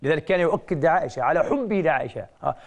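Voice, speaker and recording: Fast-talking emotive male preacher. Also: fairly high pitch, lively intonation. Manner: emotive storytelling with sudden rises and hushed drops; rhetorical questions he answers himself. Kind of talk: religious lecture.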